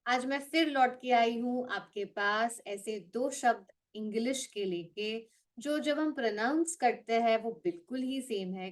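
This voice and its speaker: A woman with an Indian accent, teaching English vocabulary to her channel's viewers in an animated way, switching between Hindi and English. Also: fairly high pitch. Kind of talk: explaining vocabulary to the camera.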